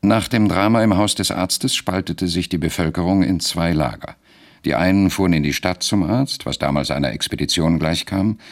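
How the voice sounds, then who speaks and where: A man narrating a radio drama in a measured, deliberate storytelling manner. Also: low-pitched.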